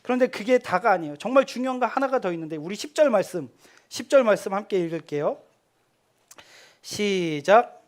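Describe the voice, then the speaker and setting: A male pastor giving a sermon to a youth congregation, telling stories in an animated way and often dropping to a hushed, tender voice. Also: high voice, a little fast. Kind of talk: sermon to teenagers.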